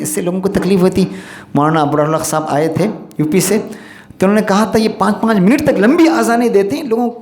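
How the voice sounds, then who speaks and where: A man's voice: high voice, a little mellow. Preaching man in an echoey mosque. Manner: earnest exhorting, recites Arabic verses in between. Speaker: imam and Friday preacher. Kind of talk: Friday sermon.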